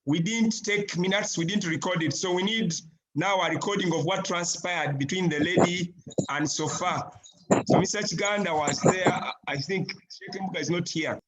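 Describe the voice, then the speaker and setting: A man's voice: sits high, normal speed. A man steers the agenda on a conference call, insistently repeating his requests. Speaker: meeting participant steering the agenda. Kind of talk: running business on a conference call. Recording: noisy conference call with clicks.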